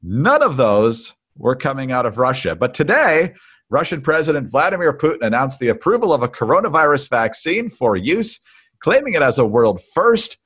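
A man hosting a political talk show, briskly introducing topics and putting questions to his guest. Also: medium pitch, sing-song, fairly bright tone, breathy edge. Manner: brisk, conversational, leading the discussion. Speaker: podcast host. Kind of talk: casual political chat.

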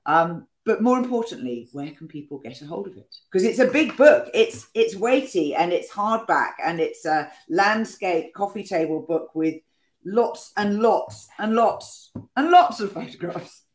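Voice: mid-range voice, expressive, unhurried. A podcast host leading a casual interview in a friendly, chatty way, stumbling over words now and then.

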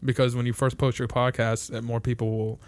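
A man's voice: mid-range voice, flat delivery, fairly quick. A young man hosting a casual podcast, rambling, laughing often and swearing loosely. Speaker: podcast host.

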